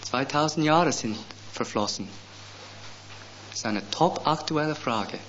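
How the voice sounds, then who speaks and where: A middle-aged man delivers a sermon at a very slow, measured pace, his slightly raised voice climbing sharply on the words he wants to land. The recording is dull and lo-fi, with a faint noise underneath. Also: fairly high pitch, expressive, fairly bright tone. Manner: slow and deliberate, with emphatic rises on key words. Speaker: preacher.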